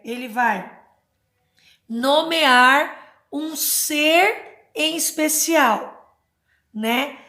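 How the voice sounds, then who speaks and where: Slow, patient woman teacher, high voice. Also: vocal fry, fairly bright tone, echoey room. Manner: slow, patient, spells words out syllable by syllable; checks understanding with tag questions. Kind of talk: recorded Portuguese grammar lesson for children.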